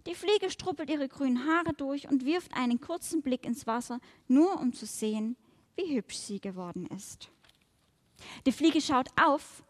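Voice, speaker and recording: In a large hall, a woman with a high, animated voice reads a children's story aloud, then reflects on it in a gentle, measured way.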